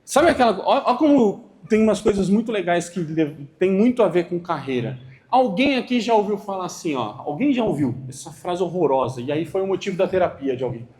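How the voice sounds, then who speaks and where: Brazilian man, corporate trainer, high voice, lively pitch, acts out dialogues, lecture room. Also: a little fast. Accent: Brazilian Portuguese. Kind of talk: internal training talk.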